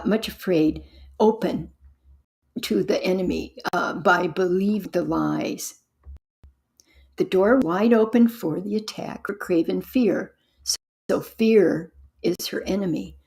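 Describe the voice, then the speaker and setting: A woman pastor reads a storybook aloud at an unhurried pace, stopping now and then for earnest reflective remarks. Her voice sits at an ordinary middle pitch. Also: gravelly, darkish tone. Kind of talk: reading aloud with comments.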